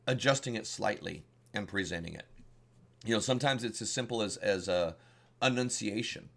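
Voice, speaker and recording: A man's voice: fairly low pitch, vocal fry, bright, forceful tone. A man with a Southern US accent, a dungeon master giving casual, rambling advice and often repeating words as he searches for them. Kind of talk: casual instructional talk.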